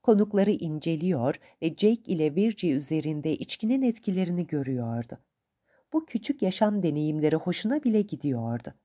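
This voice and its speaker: Woman audiobook narrator, low voice, warm mellow tone, calm measured reading. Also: lo-fi sound. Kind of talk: scripted narration of a novel.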